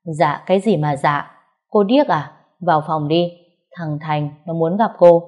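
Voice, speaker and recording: A woman reading a story aloud and voicing a stern, sharp-tongued old grandmother who snaps and scolds. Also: low voice, unhurried. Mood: harsh. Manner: scolding, harsh, snapping. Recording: dull lo-fi recording.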